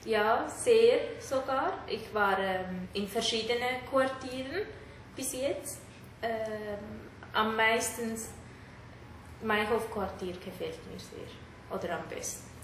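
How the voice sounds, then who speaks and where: A middle-aged Sri Lankan woman who speaks Tamil natively, a therapist, answers interview questions hesitantly in simple words. Her voice is slightly high and slow. The room echoes, with clear background noise.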